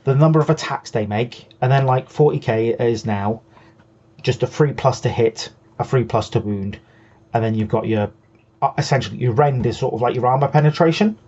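A man's voice: medium pitch, moderate pace, darkish tone, breathy edge, muffled recording. A man co-hosting a hobby show, patiently explaining game rules in casual chat and often restarting his sentences. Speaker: co-host.

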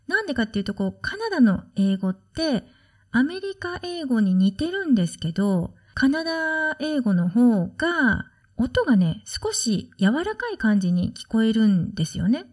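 Chatty woman podcast host, lively pitch. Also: moderate pace. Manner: relaxed, chatty, explaining with soft asides. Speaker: study-abroad consultant and podcast host. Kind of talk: solo podcast talk.

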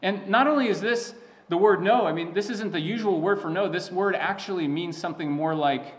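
A man's voice: high voice, brisk. A man preaching a sermon as a pastor, teaching in an earnest, emphatic way with frequent restarts and asides.

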